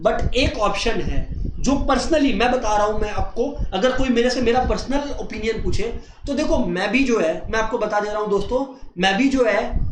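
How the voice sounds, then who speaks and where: Male teacher explaining in an echoey room. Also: very high voice. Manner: explanatory, addresses students as friends, mixes English into Hindi. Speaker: commerce teacher and chartered accountant. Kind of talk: career guidance talk to students. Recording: echoey room with faint noise.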